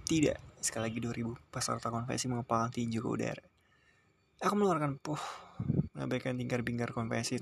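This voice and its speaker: A man's voice: medium pitch, vocal fry. A man narrating a first-person thriller story in a tense, terse manner. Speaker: audiobook narrator.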